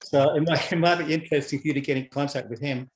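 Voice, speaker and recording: A man's voice: on the high side, steady tone, quick pace, reverberant, a little hiss or hum. A man with a German accent in a video call discussion, speaking earnestly and repeating words. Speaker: discussion participant.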